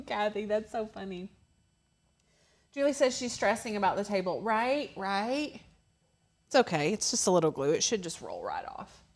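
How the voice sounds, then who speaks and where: A woman's voice: mid-range voice, sing-song, moderate pace. A woman co-hosting a casual craft livestream, reading viewer comments aloud and laughing often. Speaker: co-host reading live chat.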